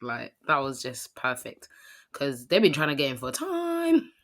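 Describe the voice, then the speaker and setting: A woman co-hosting a podcast, giggly and animated in casual chat. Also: very deep voice, normal speed. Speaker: podcast co-host.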